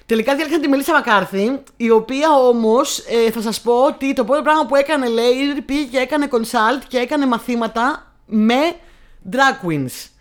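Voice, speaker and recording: Young woman chatting about movies, higher voice, lots of ums, casual. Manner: chatty, hesitant with many fillers. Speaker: co-host. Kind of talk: casual film chat.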